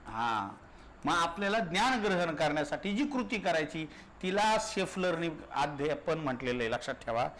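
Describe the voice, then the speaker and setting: A man's voice: on the high side, very animated, normal speed, fairly bright tone. A male teacher giving an exam-prep lecture, explaining step by step and answering his own questions.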